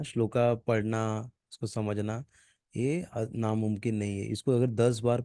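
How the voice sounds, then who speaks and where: Mellow-voiced man teaching scripture. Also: medium pitch, dry recording, studio quality. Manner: explains in a casual conversational way, then chants verses slowly and carefully; fillers like "na" and "hmm" at the ends of sentences. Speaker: reading group leader. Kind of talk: Gita reading class over Zoom. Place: home video call. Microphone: video call mic.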